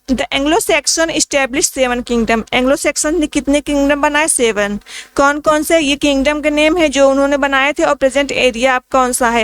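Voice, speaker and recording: In a high-pitched, slightly bright voice, a woman leads an exam-prep literature lesson. She asks questions only to answer them herself, going over key points repeatedly and reading English lines as part of her explanation.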